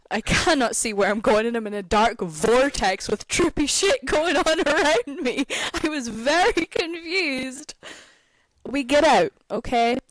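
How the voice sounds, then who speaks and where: A young woman casually telling a story on a podcast, animated and swearing freely, often checking in with "okay?". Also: on the high side, dry recording. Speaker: podcast host.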